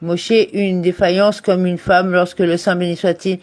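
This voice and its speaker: Guy with a highish voice reading a study text out loud, steady, fixes his slips, dry close sound. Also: normal speed, dry recording. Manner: reads steadily, with occasional restarts and self-corrections. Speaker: Torah study reader. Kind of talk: reading a commentary text aloud.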